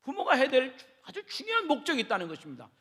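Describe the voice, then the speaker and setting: A middle-aged man preaching an impassioned sermon in a church, repeating phrases and building up to shouts. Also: very high-pitched, wildly swooping pitch, racing. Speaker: pastor. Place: church sanctuary.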